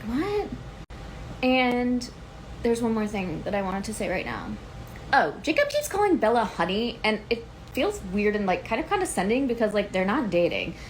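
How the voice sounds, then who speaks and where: A woman's voice: mid-range voice, slight background noise, poor audio. Exasperated thirtysomething woman ranting about a book. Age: 30s. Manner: exasperated, animated, sprinkles "like" and swears. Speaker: book vlogger. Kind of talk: casual ranting vlog. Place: at home on her couch.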